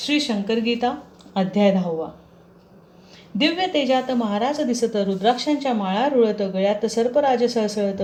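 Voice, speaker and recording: A woman reciting a devotional text in short verse lines with a steady chanting delivery. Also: mid-range voice, echoey room.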